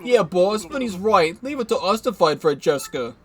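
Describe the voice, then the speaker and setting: A fawning mob yes-man, as a man puts him on, pitched up and loud, agreeing with everything the boss says. Game music plays faintly behind. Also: sing-song, normal speed. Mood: eager. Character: eager male mob henchman, yes-man.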